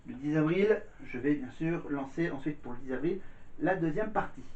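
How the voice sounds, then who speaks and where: A man's voice: fairly high pitch, sharp tone. A man chatting casually to camera in a vlog, rambling, repeating words and saying "voilà" often. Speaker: vlogger. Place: indoors at home. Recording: echoey room, dull lo-fi sound.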